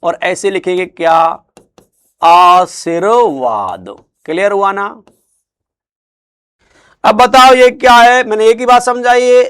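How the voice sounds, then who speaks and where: A man teaching Hindi grammar in a classroom lecture. He asks questions and answers them himself in a lower, quieter voice, and drawls words out slowly to stress them. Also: smooth. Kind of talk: classroom lecture with call-and-response.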